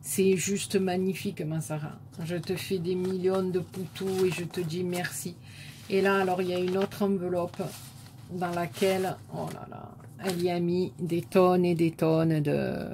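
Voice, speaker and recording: A woman with a southern French accent, a scrapbooking vlogger softly admiring crafts one by one in a casual show-and-tell chat. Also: lowish voice, level tone, unhurried, slight background noise.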